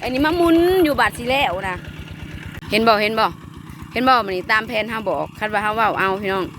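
A woman's voice: medium pitch, expressive, quick pace. A woman with an Isan accent chatting and calling out encouragement as she films her husband ploughing in a field. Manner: chatty, calls out encouragement and addresses viewers as "brothers and sisters". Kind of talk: casual outdoor vlog commentary. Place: farm field outdoors. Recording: outdoor clip with loud engine noise. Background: tractor engine running.

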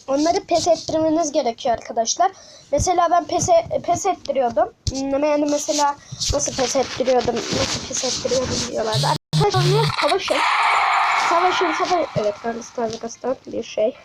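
A woman talking through a mobile game in casual commentary, chatty and excitable, addressing viewers as friends with frequent exclamations. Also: high-pitched, normal speed, background noise. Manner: speaks directly to viewers as friends. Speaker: gaming channel host.

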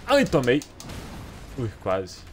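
A young man with a Brazilian Portuguese accent giving live gameplay commentary, excitable, swearing often and yelling at enemies. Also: mid-range voice, takes it slowly, faint music behind. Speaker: gaming streamer.

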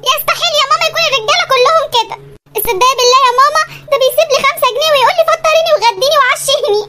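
Brief: performer doing a bright, high cartoon wife with an Egyptian accent, nagging and outraged, faint hiss. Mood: indignant. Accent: Egyptian Arabic. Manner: shrill, indignant, fast complaining. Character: fed-up young wife complaining about her husband. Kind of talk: comic animated sketch.

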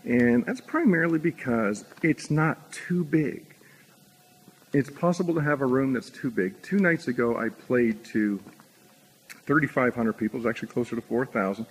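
A man's voice: mid-range voice, animated, moderate pace, long reverb tail, low-quality recording. A man in his forties, a performer and instructor, giving an informal walkthrough to a handheld camera inside an empty theater. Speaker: stage hypnosis instructor and performer. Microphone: handheld camera at arm's length. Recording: noticeable background noise.

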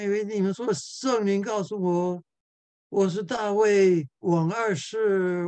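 High-voiced pastor teaching a Bible class. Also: male voice, mellow, no echo. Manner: chuckles often, repeats words while searching for them. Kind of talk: church Bible class lecture.

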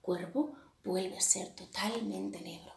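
A woman from Spain reading a children's picture book aloud in a lively, dramatic way. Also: mid-range voice, slow, gravelly. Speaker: storyteller. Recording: echoey room.

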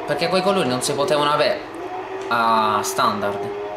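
Excitable gamer man, echoey room. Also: medium pitch, moderate pace, heavy background noise. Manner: excitable, exclaims and swears at the game; says he talks oddly when excited on video. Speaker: gameplay video host. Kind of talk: let's play commentary. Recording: echoey room with loud game music.

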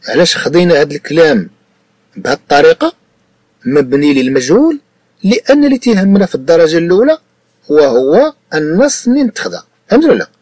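Husky Moroccan man explaining patiently. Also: a little high, very animated, quick pace, darkish tone, dry recording. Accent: Moroccan Arabic. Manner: patient, repeats points and checks understanding. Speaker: French teacher. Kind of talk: explanatory tutoring lesson.

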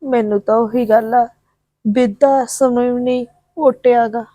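A woman's voice: a little high, fairly even intonation, a little slow, warm tone, no echo, close to an everyday voice. A woman playing an older mother who speaks tenderly and sorrowfully to her son. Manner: pleading, tearful, soothing. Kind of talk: village drama acting.

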